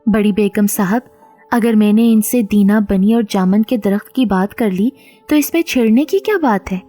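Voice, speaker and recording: A woman's voice: medium pitch, normal speed, warm tone, faint music behind, natural voice. A woman voicing a playful young woman who is secretly a possessing spirit, speaking with feigned innocence. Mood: teasing. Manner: teasing, innocent-sounding.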